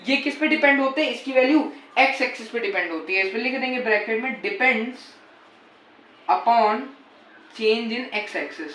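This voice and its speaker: A man's voice: very high-pitched, pushed and bright, echoey room, slight background noise. A man teaching physics in a casual lecture style. He repeats key points and coaxes and teases his students as he goes. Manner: repetitive, coaxing, teasing the students.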